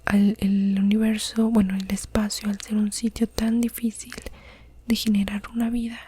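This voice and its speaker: A woman whispering under her breath in a soft-spoken ASMR podcast monologue, as its host. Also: mid-range voice, level tone, moderate pace, slight background noise.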